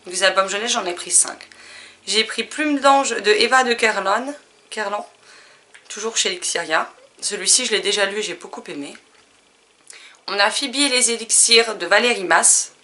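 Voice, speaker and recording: A woman casually listing her new books, chatty and relaxed, with frequent fillers. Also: medium pitch, normal speed. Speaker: book vlogger. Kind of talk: casual book haul chat.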